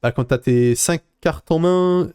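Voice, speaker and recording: A man chatting casually on a live stream, recapping his tournament run in a rambling, animated way and answering viewer chat. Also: fairly high pitch, a little slow, smooth, dry recording, studio quality. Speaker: card game player recapping a tournament.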